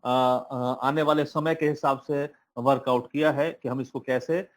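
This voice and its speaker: Hesitant man giving motivational pitch. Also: steady tone, unhurried. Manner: hesitant, many fillers, motivational. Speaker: presenter of crypto network plan. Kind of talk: online meeting pitch. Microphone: online call audio.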